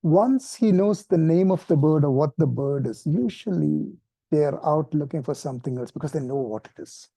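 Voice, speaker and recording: A man teaching a casual lesson with a very dark, mellow voice, speaking a little higher than most men. His talk is relaxed and self-deprecating, with small restarts. The sound is dry and close. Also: normal speed, creaky, no room sound. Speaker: meditation teacher. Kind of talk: informal spoken lesson.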